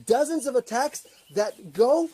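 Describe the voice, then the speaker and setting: Earnest, animated Israeli man, high-pitched. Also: unhurried, husky, low-quality recording. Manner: earnest, animated storytelling with hesitations. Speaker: guest, activist. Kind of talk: casual roundtable talk.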